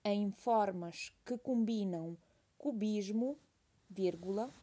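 Slow, mellow woman dictating. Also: mid-range voice. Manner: repeats each phrase slowly, calling out punctuation. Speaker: dictation teacher. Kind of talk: slow dictation with punctuation read aloud.

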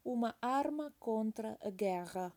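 A woman's voice: fairly high pitch, lively intonation, slow, dark tone. A woman teacher reading a text aloud as a dictation, saying each phrase twice and calling out the punctuation.

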